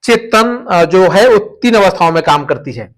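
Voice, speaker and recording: A man's voice: high-pitched, lively intonation, normal speed, fairly bright tone. A male teacher giving a classroom lecture, explaining points through stories and repeating the key terms.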